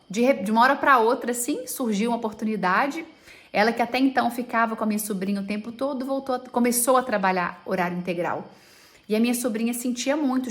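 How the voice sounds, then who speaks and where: A woman educator giving an informal talk on children's free play and telling a personal story, with many diminutives and a pace that stretches and rushes. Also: fairly high pitch.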